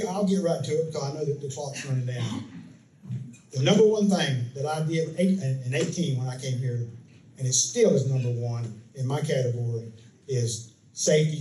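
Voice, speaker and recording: A man's voice: medium pitch, dark tone. An older man with a Southern US accent, speaking at a candidate forum in a folksy, rambling way full of fillers and restarts. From Polk County, Florida, USA. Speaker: incumbent county commissioner. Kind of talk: campaign speech and forum answer. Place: meeting room at a club event. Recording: echoey room, distant mic, some noise.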